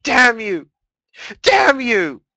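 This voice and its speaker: A man voicing a distraught young princess pony mare, crying out in shrill wails. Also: very animated, extremely slow, sharp tone, husky, no echo, full character voice. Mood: furious. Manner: shrill wailing cries.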